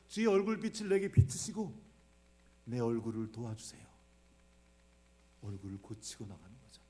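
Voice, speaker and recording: A man's voice: medium pitch, warm tone, a little hiss or hum. A man preaching a Sunday sermon in a church. He often puts questions to the congregation and explains with homely everyday examples. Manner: asks the congregation frequent questions. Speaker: pastor. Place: church sanctuary.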